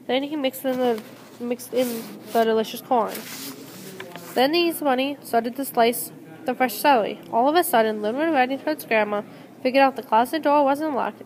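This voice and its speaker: A woman's voice: high voice, rough recording. A woman reading a homemade fairy tale aloud in an earnest way, with small slips and restarts. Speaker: storyteller.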